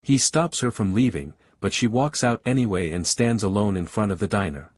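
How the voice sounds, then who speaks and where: Male recap narrator, husky and lowish, steady scripted read, dry close sound. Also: brisk, no echo.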